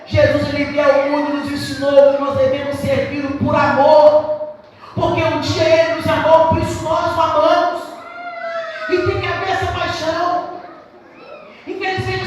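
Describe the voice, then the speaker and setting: Brazilian lady preaching, lots of rhetorical questions, big echo, faint hiss behind. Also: very high voice. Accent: Brazilian Portuguese. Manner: emphatic, repetitive, rhetorical questions to the congregation. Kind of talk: sermon. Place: church hall. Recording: echoey church hall, distant mic, faint noise.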